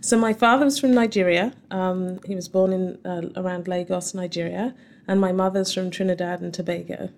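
Middle-aged woman, home counties English accent, slightly low voice, articulate interview guest explaining her background conversationally. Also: fairly even intonation, moderate pace, gravelly, a little mellow. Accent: southern English, home counties. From Surrey, southern England. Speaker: interview guest, company chief scientist. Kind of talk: conversational interview answers about personal background.

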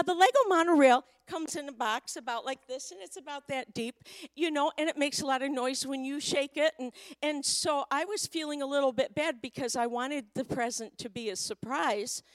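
Middle-aged woman, high voice, dry close sound, story-driven sermon rising to fervent preaching. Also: normal speed, no echo. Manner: builds to loud fervent preaching; acts out quoted speech in storytelling.

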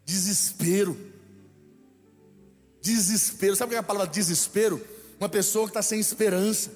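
A man with a Brazilian Portuguese accent, preaching as a bishop, repeats lines emphatically for his congregation to echo. His voice is high-pitched and a little mellow, at a moderate pace, in an echoey hall with faint music.

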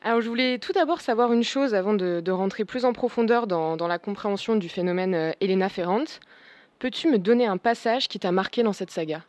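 A woman's voice: medium pitch, fairly quick, a little mellow, no room sound. A young woman hosting a casual chat show, talkative, with lots of fillers and restarts. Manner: chatty, many fillers and restarts, laughs along. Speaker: radio show host.

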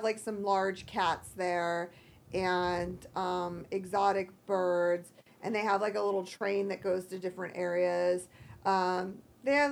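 An American woman talks in a casual, candid podcast style. Her voice is hoarse and croaky with allergies and heavy with creak. She pokes fun at herself and speaks saltily. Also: mid-range voice. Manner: self-deprecating, candid, salty. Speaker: podcast co-host. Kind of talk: casual chat.

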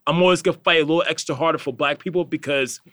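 A man's voice: a little high, fairly even intonation, very fast, fairly bright tone, no echo. A young man in his twenties, a podcast guest in casual chat, earnest and upbeat with many fillers.

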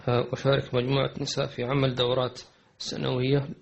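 Religious teacher, male, mid-pitched and gravelly, measured and hesitant in his delivery, muffled recording. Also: monotone. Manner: measured advice with hesitant fillers and restarts. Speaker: Islamic teacher answering questions. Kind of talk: religious lesson with questions and answers. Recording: dull lo-fi recording.

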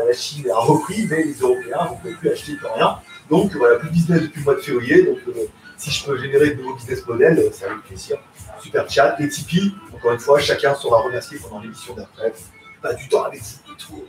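A man's voice: medium pitch, fast talker, soft background music. A man hosting a live tech podcast, talking casually in loose slang with lots of fillers. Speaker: podcast host. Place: home in Thailand. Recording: echoey room, distant mic, faint hiss.

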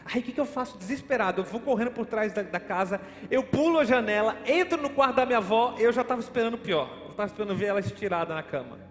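A man's voice: high voice, expressive, fast, few pauses. A Brazilian man preaching a sermon, telling a personal story with dramatic re-enactment and calling listeners brother. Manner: dramatic storytelling, acts out his own panic; addresses listeners as brother, asks questions. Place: church hall, streamed online. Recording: echoey hall with faint music.

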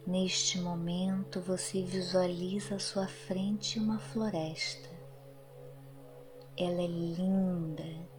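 A woman narrating a guided meditation in a soft, soothing, breathy voice that trails into a near-whisper, with long pauses. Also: fairly low pitch, little pitch movement. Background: music.

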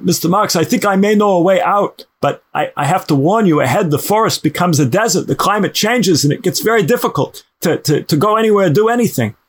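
A man's voice: high-pitched, animated, brisk, few pauses, breathy edge, voice pushed up. A man putting on a thick Brooklyn accent to voice an earnest stranger warning of danger ahead. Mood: concerned. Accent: Brooklyn (put on).

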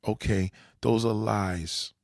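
This man's voice runs low, steady, and slow, with a creaky, slightly mellow quality, captured dry and at studio quality. He's doing a reaction commentary full of blunt, sweary dating advice, lecturing the listener and checking again and again with "you understand?"

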